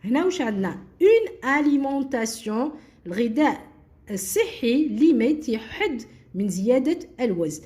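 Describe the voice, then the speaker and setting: A French teacher works through exercises, switching between French and Arabic and spelling words out slowly. Her voice sits a little high and moves up and down a lot as she explains. The delivery is patient and repetitive. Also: very animated, warm tone. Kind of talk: classroom lesson explaining grammar.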